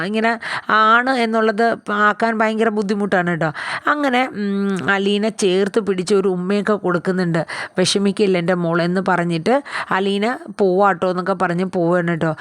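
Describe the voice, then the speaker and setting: A woman's voice: mid-range voice, no room sound. Chatty woman retelling a TV episode. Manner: chatty, often ends lines with a friendly tag word. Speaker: TV serial recap narrator. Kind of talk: casual spoken retelling of a TV episode.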